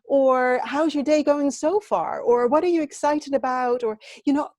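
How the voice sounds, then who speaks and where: A middle-aged Danish woman, a training consultant, is a guest on a video call interview and answers earnestly and thoughtfully, with some filler words. Her voice is high-pitched and darkish in tone, at a moderate pace. The recording is studio quality with no room sound.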